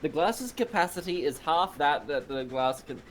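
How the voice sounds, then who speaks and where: A man's voice: fairly high pitch, expressive, moderate pace, a bit bright, a little hiss or hum. A young man in casual gameplay chat, joking and blunt, rambling through his opinions.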